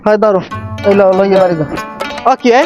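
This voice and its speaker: An actor playing a chatty son-in-law just back from years abroad in a comic village drama. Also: male voice, high voice, a little fast, darkish tone, natural voice. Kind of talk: comedic village drama acting. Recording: dull lo-fi audio, faint music.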